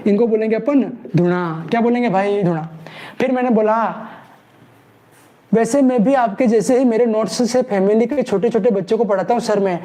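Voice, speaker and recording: A man's voice: high-pitched, moderate pace, warm tone. A man teaching an exam-prep class, playfully asking questions and answering them himself while drilling memory tricks. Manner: playful call-and-response, repeats each key word with mnemonic stories.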